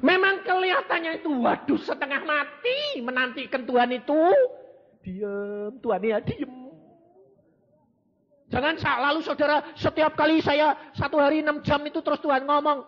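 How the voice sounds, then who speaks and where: A man's voice: very high-pitched, moderate pace, long reverb tail, muffled recording. A man preaching a sermon in Indonesian with a Javanese accent, telling stories animatedly and acting out dialogues. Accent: Javanese-tinged Indonesian. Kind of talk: sermon with anecdotes.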